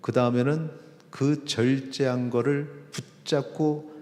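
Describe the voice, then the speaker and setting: Pastor preaching in a reverberant hall. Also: male voice, medium pitch, fairly even intonation, darkish tone. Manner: conversational preaching with acted quotes and pauses. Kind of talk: sermon. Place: church sanctuary. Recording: long reverb of a church hall.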